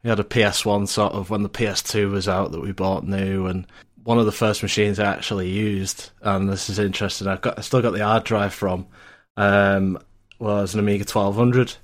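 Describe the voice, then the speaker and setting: Young man in his twenties, northern English accent, low voice, hesitant halting guest chat, internet call. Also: flat delivery. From North of England, Lancashire. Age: 20s. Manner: halting, many restarts and hesitations. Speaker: podcast guest, IT support worker. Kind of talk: casual podcast chat. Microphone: voice-over-IP call.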